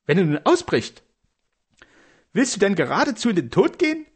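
A stout, worried middle-aged wife who shrieks in alarm, as a male narrator puts her on. The voice climbs high and swings wide. It is a storybook reading. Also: huge pitch swings, normal speed, slightly rough, heavily acted.

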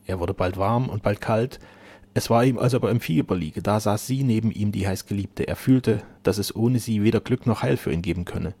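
A male audiobook narrator with a low, gravelly voice. He reads the novel in measured storytelling, with a husky rasp under it. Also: mellow. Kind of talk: novel reading.

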